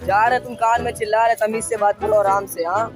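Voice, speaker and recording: A man's voice: high-pitched, flat delivery, fast talker, music in the background. A passer-by in an outdoor park, scolding a man with irritation in a heated argument.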